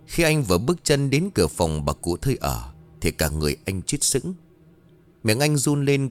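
A man tells a ghost story in a low voice that swings widely in pitch. His narration is dramatic and expressive, with faint music running underneath.

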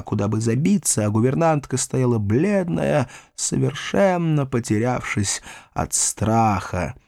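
A man narrating a classic novel in an expressive, dramatic way, recorded on a close studio mic. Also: medium pitch, dry recording. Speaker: audiobook narrator.

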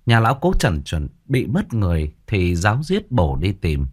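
A man narrating a ghost story in a dramatic, expressive way. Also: deep voice, normal speed.

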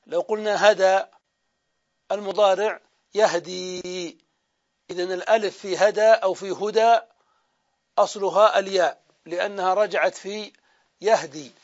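A man's voice: high voice, fairly even intonation. A man teaching a classroom grammar lesson. He explains step by step, asks his own questions and answers them, and draws out example words as he repeats them. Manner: drawn-out repetition of example words. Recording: dull lo-fi lecture recording.

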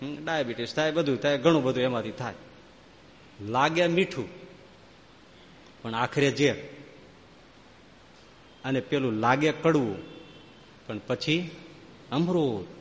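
A man's voice: medium pitch, takes it slowly, pauses often, long reverb tail. A man giving a devotional sermon, telling stories and reeling off long spoken lists. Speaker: preacher.

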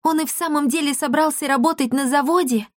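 A woman's voice: sits high, fast, dry recording, clean studio sound, pitched above the performer's own voice, natural voice. A woman voicing a stern, exasperated girl in a storybook reading. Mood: scolding. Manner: scolding, exasperated.

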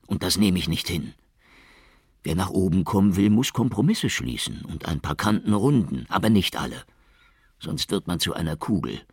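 A man voicing a hoarse, weary middle-aged police chief who broods and schemes in an audiobook. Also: low-pitched, no room sound, studio quality, pitched above the performer's own voice, full character voice. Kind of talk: audiobook character voice.

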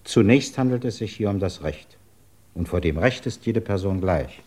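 In a 1950s German radio drama, a man plays a British government investigator who is measured, courteous, formal and deliberate, probing with patience. His voice is low-pitched, animated and dark in tone.

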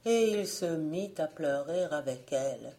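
Slow, mellow woman reading a tale. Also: deep voice, animated. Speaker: audiobook reader. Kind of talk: scripted narration of a folk tale.

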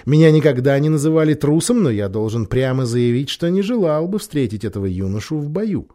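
A man's voice: medium pitch, lively intonation, warm tone, voice pushed up, lightly acted. Man doing a wary, deferential nobleman. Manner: measured, deferential.

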